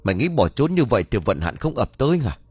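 A man's voice: medium pitch, very animated, fast, a little mellow, slightly rough, no room sound. A man voicing an old male village sorcerer, stern and hot-tempered, scolding in exasperation. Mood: exasperated.

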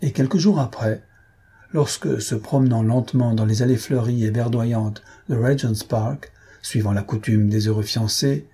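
A man reading a literary short story aloud as an audiobook narrator, with a measured delivery. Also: mid-range voice, dark tone, husky. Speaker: audiobook reader.

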